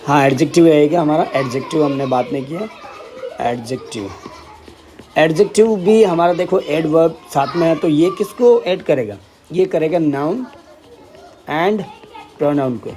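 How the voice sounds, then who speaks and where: A man's voice: fairly high pitch, warm tone. A man teaching an English grammar lesson in Hindi, explaining step by step and often checking with "ठीक है".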